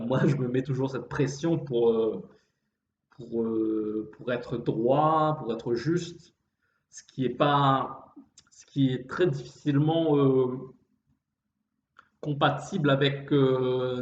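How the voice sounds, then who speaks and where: A man talks introspectively at a slow, halting pace, breaking off and restarting phrases. His voice is slightly effeminate and refined in phrasing. The recording is dull and roomy, with faint noise behind him. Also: medium pitch. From Réunion. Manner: halting, with repeated false starts and trailing phrases; refined way of speaking. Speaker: vlogger. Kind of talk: introspective monologue.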